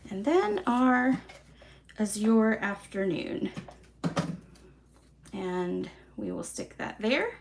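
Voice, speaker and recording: Southern woman, craft class host, easygoing and self-deprecating, a bit higher than most. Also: slow, gravelly, slight background noise. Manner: chatty, relaxed, self-deprecating. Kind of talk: live card-making demonstration.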